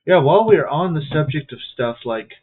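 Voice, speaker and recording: A man's voice: on the high side, animated, moderate pace, slightly rough. A man streaming and commentating a wrestling video game in a casual, hesitant way, his voice coming through a tinny, tin-can-sounding mic. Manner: hesitant and musing, with many fillers. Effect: tinny, tin-can-like phone sound.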